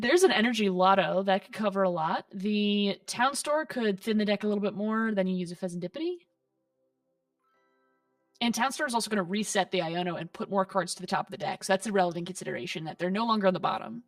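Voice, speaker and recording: A woman's voice: mid-range voice, no echo, faint music behind. Woman casting a card game, slightly distant. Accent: Southern US. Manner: analytical, quick, playful asides. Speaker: caster. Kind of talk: esports game commentary.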